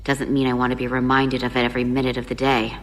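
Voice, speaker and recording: A woman's voice: a bass voice, completely flat delivery, quick pace. A woman playing a guarded, frank starship engineer in a game, with a dry, wry way of talking. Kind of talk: scripted game dialogue. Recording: long reverb, faint ship ambience noise.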